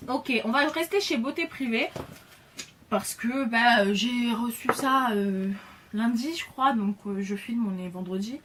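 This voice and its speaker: A woman's voice: on the high side, measured pace, noisy background. A woman chatting casually in a beauty haul video, enthusiastic, with lots of fillers and repeated words. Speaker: beauty vlogger.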